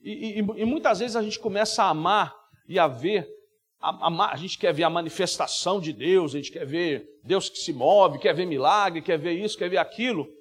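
High voiced guy preaching a sermon, super animated, does lots of voices. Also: moderate pace, husky. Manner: animated, with many acted-out voices. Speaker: guest preacher and worship minister.

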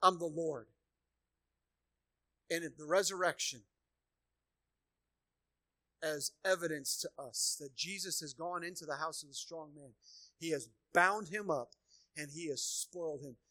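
Pastor guy preaching in church, high bright voice, goes from quiet to loud, repeats stuff for emphasis. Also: a little slow, long pauses, dry recording. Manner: swings from hushed lows to loud emphatic peaks. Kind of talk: sermon. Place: church sanctuary.

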